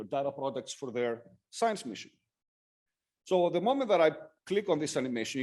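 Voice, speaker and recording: A man giving a technical lightning talk with slides, speaking haltingly with frequent hesitations and self-corrections. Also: medium pitch, darkish tone. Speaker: conference presenter.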